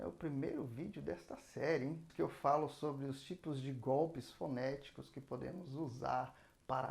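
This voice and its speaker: A man's voice: medium pitch, vocal fry, a little mellow. A man teaching a casual saxophone lesson, explaining patiently and singing out rhythm syllables as he goes. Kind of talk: casual spoken music lesson.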